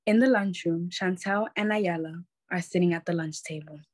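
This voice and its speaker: A woman reading stage directions aloud in a plain, measured way. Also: fairly low pitch, no room sound, studio quality.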